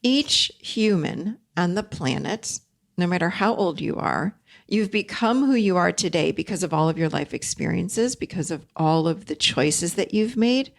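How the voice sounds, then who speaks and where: A middle-aged woman giving a motivational self-help talk as a coach, speaking straight to the listener in an emphatic, deliberate way and repeating key phrases. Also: on the low side, expressive, creaky.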